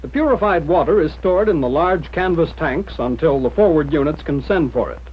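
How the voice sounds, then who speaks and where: An American man reading scripted instructions in the formal, measured manner of a 1940s military training film narrator. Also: a little high, lively intonation, a little hiss or hum. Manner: mid-century newsreel-style narrator, formal, measured instruction. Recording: dull, lo-fi 1940s film soundtrack.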